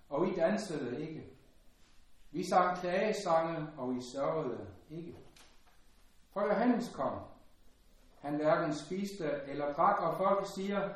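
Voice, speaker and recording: A man reading the gospel as a priest in a solemn, measured way, his phrase endings sinking low and soft, in a large church. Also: recorded from a distance. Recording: dull, very echoey church sound from afar.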